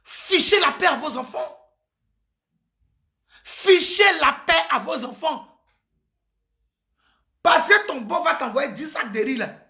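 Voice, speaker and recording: A middle-aged woman commentator with a high-pitched, bright voice delivers an impassioned advice monologue. Her manner is emphatic, forceful and preachy, addressing her listeners directly. The recording has an echoey room sound.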